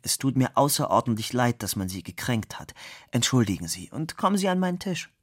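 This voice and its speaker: A man's voice: mid-range voice, big pitch swings, brisk, husky. A man reading aloud who voices an earnest young man, polite but firm and ironic. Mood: kind.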